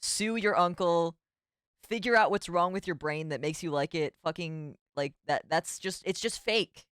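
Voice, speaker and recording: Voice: mid-range voice, steady tone, moderate pace, a bit bright, clear, resonant tone, dry recording, clean studio sound. A streamer gleefully reading out gossip and reacting in casual, blunt, sweary commentary full of mock outrage. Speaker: streamer reacting to anonymous confessions.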